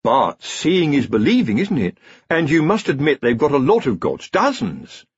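A jittery, wry wizard from a comic fantasy audiobook, voiced by a male narrator, husky and talkative, his pitch jumping about as he talks his way around trouble. The sound is dry and slightly dull. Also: wildly swooping pitch, normal speed, dry recording, exaggerated voice. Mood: nervous. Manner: chatty, evasive and wryly anxious. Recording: slightly dull, muffled recording.

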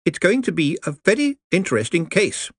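A man's voice: high-pitched, very animated, fairly quick, husky, no echo, clean studio sound, voice pushed up, exaggerated voice. A man voicing a nervous, pedantic young wizard who speaks precisely and deferentially. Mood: fussy.

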